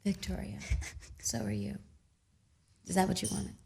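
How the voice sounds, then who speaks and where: A young woman, an actress guest, chatting casually in a radio studio and telling animated stories with laughter. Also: medium pitch, measured pace, creaky. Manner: animated storytelling, laughing, loud when excited. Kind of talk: casual radio interview chat.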